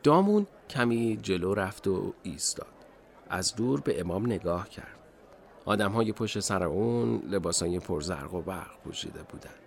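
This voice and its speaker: A man narrating a children's radio storybook slowly and expressively. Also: deep voice, lively intonation, creaky.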